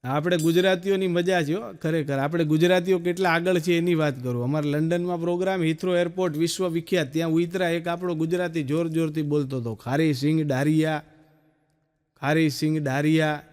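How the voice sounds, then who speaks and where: A man with a Gujarati accent telling stand-up jokes, storytelling and acting out quick dialogue. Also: a little high, steady tone, a little mellow. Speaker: stand-up comedian.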